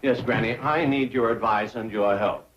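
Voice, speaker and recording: An actor playing a pompous, middle-aged city banker with proper diction, easily flustered, in a television sitcom. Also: male voice, medium pitch, normal speed, lo-fi sound, natural voice. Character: fussy, self-satisfied city banker. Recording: noisy old TV soundtrack.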